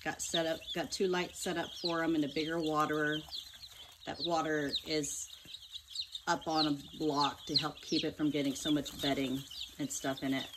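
There's heavy noise behind this woman's deep, level voice as she moves at a moderate pace. She's a small farm vlogger narrating off-camera while filming her chicks at home on her phone, chatty and plain, with frequent ums and restarts.

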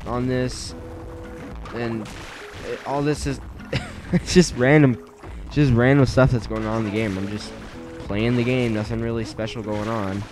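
A teenage boy gives rambling, casual let's-play commentary in a steady mid-range voice, a little slow and with frequent pauses. He is self-deprecating and full of fillers and restarts. He speaks close to a weak mic, and the poor audio has music in the background.

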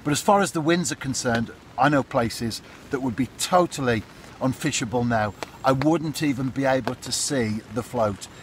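A man's voice: medium pitch, normal speed. Middle aged guy chatting to his camera under a fishing brolly, repeats himself a lot, bit of wind and rain noise behind. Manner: chatty, repeats points, asks "isn't it?". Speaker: fishing vlogger. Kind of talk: casual to-camera advice. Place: outdoors under a fishing umbrella by a pool in a storm. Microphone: phone or camera close up. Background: storm wind and rain.

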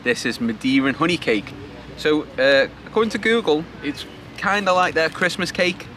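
Out in a city park, a thirtysomething man from Britain talks casually for his travel vlog. His voice sits on the high side, bright and forceful, at a moderate pace, with noisy outdoor audio around him.

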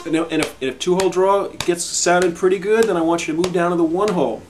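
A middle-aged man teaching a harmonica lesson, explaining in a calm, reflective way with frequent restarts. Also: sits high, quick pace, over loud music. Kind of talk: instructional video lesson.

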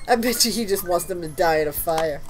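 A woman's voice: on the low side, lively intonation, moderate pace, faint music behind. A woman hosting a let's play, joking, laughing and cussing in casual chat as she plays. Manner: joking, laughs a lot, cusses.

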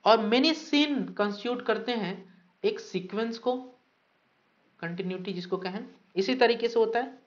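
A man's voice: high-pitched, measured pace, dull audio. Hindi-English mixing male teacher. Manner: addresses students as sir, reads names from the live chat; mixes Hindi and English, asks questions of the class. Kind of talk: online exam-prep lecture.

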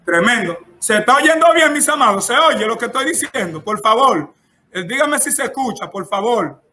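Dominican man, preacher, emphatic instruction, frequent amens, high voice, echoey church room. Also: expressive, normal speed, bright, forceful tone, slight background noise. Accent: Dominican Spanish. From Dominican Republic. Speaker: preacher teaching church etiquette. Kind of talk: instructive preaching to a live-streamed audience.

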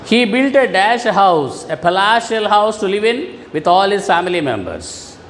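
High-voiced teacher, slow and patient. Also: male voice, big pitch swings, fairly bright tone, long reverb tail, a little hiss or hum. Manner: patient, repeats and rephrases words for young pupils. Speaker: school English teacher. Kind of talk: online classroom lesson for children.

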